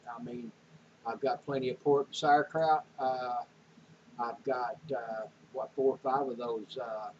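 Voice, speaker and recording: For a casual home vlog, an older man with a medium-pitched, darkish voice drifts through folksy talk about groceries and canning, stuffed with fillers. The webcam or handheld camera audio from his small indoor room is dull and lo-fi, with a little hiss or hum.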